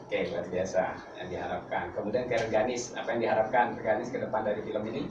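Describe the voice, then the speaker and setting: A man's voice: fairly low pitch, flat delivery, quick pace, highs cut off. A man interviewing students and a teacher in a casual, chatty way, often laughing and teasing. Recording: roomy distant mic with noise.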